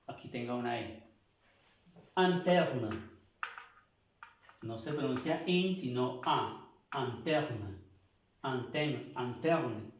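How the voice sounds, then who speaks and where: A man teaching a language class, slowly repeating and sounding out each word for his students. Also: medium pitch, very echoey. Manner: slow, repeats words, sounds them out. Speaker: French teacher.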